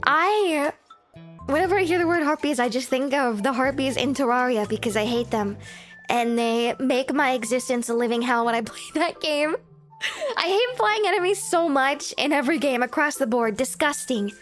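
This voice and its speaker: A woman with a high voice chats casually to her livestream viewers. Her delivery is cute and giggly, in the manner of an anime streamer. Music plays behind her. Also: expressive, normal speed. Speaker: livestream host.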